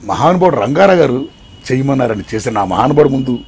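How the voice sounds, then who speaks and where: Husky older man telling animated stories. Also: quick pace. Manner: swings between loud excited and low hushed tellings. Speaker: interview guest. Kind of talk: animated storytelling.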